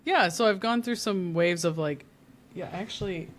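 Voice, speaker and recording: A woman who works in marketing appears as a guest on a casual podcast, speaking at a moderate pace in a fairly low voice. She is bubbly and rambling, using many fillers and laughing often.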